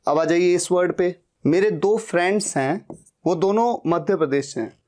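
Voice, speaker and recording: A man teaching English pronunciation, drilling each word slowly and saying it again and again. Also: high voice, darkish tone. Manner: drills words slowly, repeating them. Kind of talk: pronunciation lesson.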